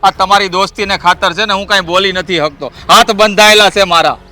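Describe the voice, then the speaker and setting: A man's voice: high-pitched, fairly even intonation, a little fast, bright, forceful tone. An actor playing an indignant man defending his insulted sister, who talks in an aggrieved, heated way. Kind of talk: village family stage drama.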